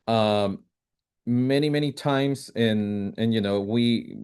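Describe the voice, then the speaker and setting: A Chilean advocacy presenter gives a policy presentation over a video call. His voice is on the low side, slightly mellow, clear, and resonant, but his delivery is halting, coming in quick bursts with many fillers and restarts.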